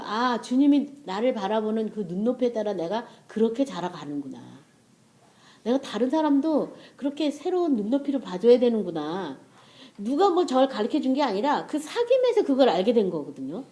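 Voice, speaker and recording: A woman's voice: on the high side, warm tone. A middle-aged woman preaching a sermon in a conversational way, often checking with her listeners.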